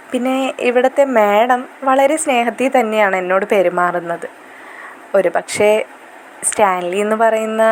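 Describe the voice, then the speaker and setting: A woman voicing a gentle, dutiful young daughter who speaks softly and reassuringly to her father in a retold serial story. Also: fairly high pitch, a little hiss or hum, natural voice.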